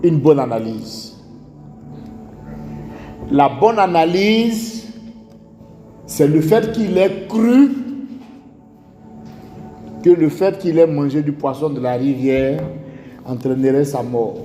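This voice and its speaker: A man's voice: a little high, takes it slowly, pauses often, warm tone. A man with an Ivorian French accent preaching a sermon, telling stories and asking rhetorical questions. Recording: echoey hall with faint music.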